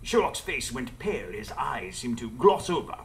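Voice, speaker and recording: A man playing an earnest older gentleman doctor who narrates a live radio drama in the first person. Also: mid-range voice, very animated, moderate pace, vocal fry. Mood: grave narration. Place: live stage before an audience.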